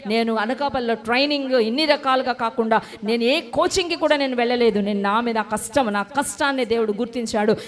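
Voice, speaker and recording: A woman preaching a sermon with emphatic rhetorical questions and repetition, speaking straight to her listeners. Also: on the high side. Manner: talks straight to listeners by name.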